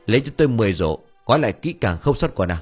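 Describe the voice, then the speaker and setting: A stubborn old man, blustering and boastful, as a storyteller puts him on. The voice sits low and rises and falls with lively emphasis. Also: very fast, soft background music.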